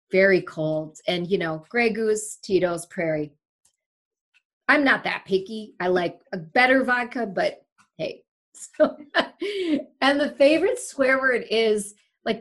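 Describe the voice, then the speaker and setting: Unhurried and medium in pitch, this woman speaks candidly and with emphasis as a guest in a casual remote interview. She's in her forties, from Sri Lanka, and has long worked as a broadcaster and podcast host, and she narrates in a lively, animated way.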